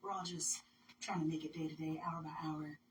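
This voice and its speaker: A woman musician guesting on a radio show, speaking earnestly and thoughtfully, her phrases trailing off softly. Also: low voice, flat delivery, brisk. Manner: earnest, thoughtful, drops to near whisper at phrase ends. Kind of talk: reflective interview talk. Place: radio studio. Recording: distant mic with background noise.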